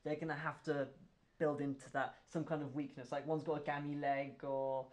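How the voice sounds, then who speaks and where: A man's voice: fairly high pitch, level tone, normal speed. A man, hosting a casual podcast chat in a loose, rambling, jokey way. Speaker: podcast host and game master.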